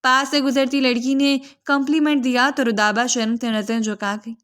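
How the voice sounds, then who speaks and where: Woman narrator, scripted storybook reading, steady, fairly high voice.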